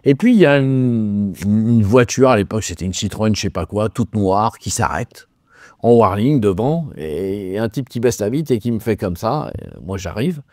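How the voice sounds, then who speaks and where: A man's voice: on the low side, expressive, moderate pace, darkish tone, dry recording, studio quality. A man as an interview guest, telling his life story in a colloquial way, acting out dialogue and restarting words as he goes. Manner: colloquial, acts out dialogue in changed voices; frequent stammered restarts.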